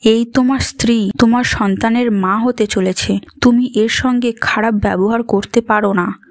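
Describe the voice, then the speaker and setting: A woman's voice: on the high side, fairly even intonation, moderate pace, dry recording, clean studio sound, lightly acted. A woman voicing a stern, domineering stepmother queen who scolds and commands. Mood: scolding.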